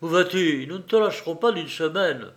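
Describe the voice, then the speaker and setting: A man's voice: on the high side, expressive, moderate pace, fairly bright tone, pitched above the performer's own voice. A man reading aloud and voicing a blustering policeman who stammers and sputters when flustered. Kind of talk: audiobook reading.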